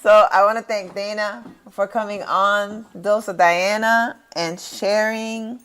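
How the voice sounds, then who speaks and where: A woman's voice: mid-range voice, steady tone, takes it slowly, fairly bright tone, smooth. A woman hosting a podcast, chatting casually with friends, laughing often and swearing freely. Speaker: podcast host. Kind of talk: casual chat.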